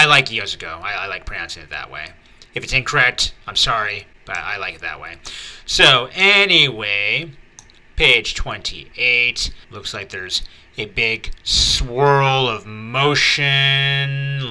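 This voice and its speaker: Slow, bright-voiced manga commentator. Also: male voice, medium pitch. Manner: chatty, with many fillers and excited asides. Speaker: manga reviewer and channel host. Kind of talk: casual manga read-through commentary.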